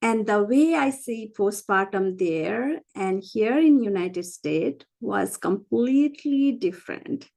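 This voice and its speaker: This Nepali woman, a physician and founder, speaks as an interview guest with a Nepali accent, giving a candid, conversational personal account. Her mid-range, darkish voice has lively intonation and vocal fry; she goes slowly with few pauses and repeats phrases for emphasis.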